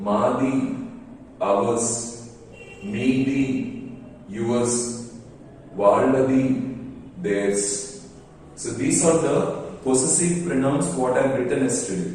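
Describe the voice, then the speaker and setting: A man with a Telugu accent giving a motivational exam-prep English lesson, slowing down to stress English phrases. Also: medium pitch, a little mellow, heavy reverb, long reverb tail, recorded from a distance, a little hiss or hum, low-quality recording. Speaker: English teacher.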